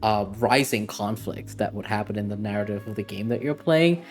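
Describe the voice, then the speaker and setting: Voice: mid-range voice, a little fast, soft background music. A show host running a casual interview, enthusiastic and gushing. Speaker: podcast host.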